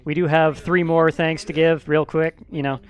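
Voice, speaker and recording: A man organizing a roleplay project, giving casual, earnest thanks and walking players through changes, pausing with frequent fillers. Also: a little high, level tone. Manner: halting, many fillers, earnest. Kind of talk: casual wrap-up talk.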